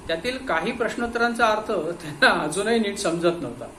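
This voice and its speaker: A man reading a detective story aloud in a measured, expressive way. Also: high voice, echoey room, background noise. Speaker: narrator.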